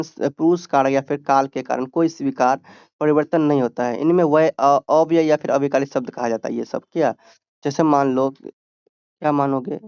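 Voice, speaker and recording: Man, exam tutor, fairly high voice, smooth, asks and answers himself, dry dull recording. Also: darkish tone, dry recording. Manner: explains step by step, asking and answering his own questions. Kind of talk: exam-prep grammar lesson.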